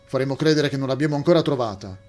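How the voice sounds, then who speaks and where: A man's voice: mid-range voice, very fast, a little mellow, soft background music, natural voice. A man voicing a stern, secretive middle-aged father giving curt commands. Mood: commanding.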